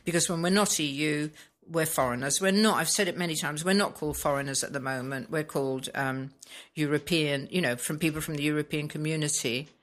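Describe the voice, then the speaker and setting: A British woman living in Spain, talking through a current issue in casual conversation, pausing often with ums as she searches for words. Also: sits low. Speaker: expat blogger discussing Brexit.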